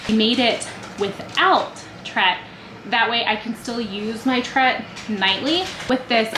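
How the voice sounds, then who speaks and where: A woman in her thirties chatting casually to camera for her vlog, rambling with lots of filler words and sounding stuffy from a cold. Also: fairly high pitch. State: congested from a cold. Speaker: vlogger. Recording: echoey room with loud background noise.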